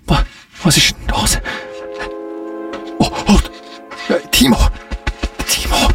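High, whispering, frightened young cousin. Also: male voice, brisk, creaky, distant mic, over music. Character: frightened young male cousin, jittery and excitable. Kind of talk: acted audio story.

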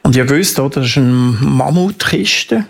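A man's voice: medium pitch, animated, measured pace, gravelly. A man with a Swiss German accent giving earnest, emphatic interview answers as a campaigner, often ending on tag questions. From Switzerland.

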